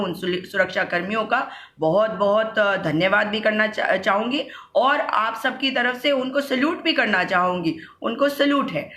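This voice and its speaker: A woman's voice: mid-range voice, bright, forceful tone. Echoey, earnest woman commentator. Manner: earnest, questioning, frequent hesitations. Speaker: political commentator. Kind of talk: solo video commentary.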